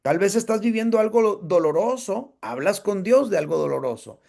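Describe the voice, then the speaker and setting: Male Bible class teacher, fairly high, gravelly, casual and conversational. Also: expressive, normal speed, darkish tone. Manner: conversational, checks in with listeners.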